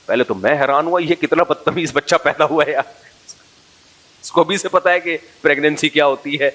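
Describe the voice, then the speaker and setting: A man's voice: on the high side, a bit bright. Chatty man giving a sermon. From Pakistan. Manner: chatty storytelling, jokes, asides to the audience. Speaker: Islamic preacher. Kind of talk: casual humorous sermon.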